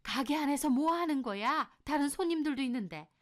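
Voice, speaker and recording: A woman voicing a shrill, angry older mother-in-law who scolds her daughter-in-law in a high, loud voice. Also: lively intonation, brisk. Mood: scolding.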